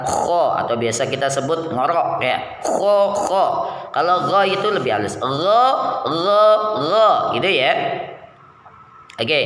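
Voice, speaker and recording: Male tajwid teacher, unhurried, lively pitch, repeats drill sounds; roomy reverb. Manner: drills each letter sound in repeated bursts; slow, explanatory, frequent "gitu ya". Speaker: Quran recitation teacher. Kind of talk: slow tajwid lesson. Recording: echoey hall reverb.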